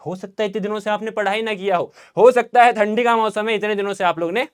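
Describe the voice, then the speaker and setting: Lively, high-voiced Indian maths teacher. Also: male voice, fast, clear, resonant tone. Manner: energetic, chatty, repeats key questions and answers them himself. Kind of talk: online revision lesson.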